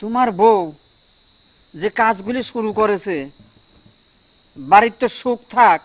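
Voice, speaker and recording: A man's voice: sits high, measured pace. An actor playing a stern older village father who lectures his son. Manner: firm, lecturing.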